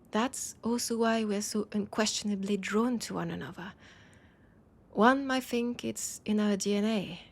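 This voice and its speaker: In an intimate audio roleplay, a French-accented woman plays a weary, wry female vampire. Her medium-pitched voice is breathy and husky, hesitant and confiding, with a musing, wry mood.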